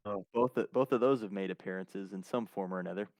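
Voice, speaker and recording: A man's voice: low voice, fast talker, no echo. A man chatting on a racing stream as co-host, teasing his partner in a laid-back, dry way. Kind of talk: casual chat on a racing stream.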